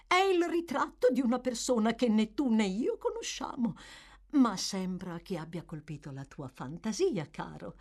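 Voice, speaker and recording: A chatty old housekeeper who fusses over a sick child with fond exclamations and a high, lilting voice, as a woman reading a storybook puts her on. She sounds warmly amused and talks in swooping, lively tones. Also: normal speed.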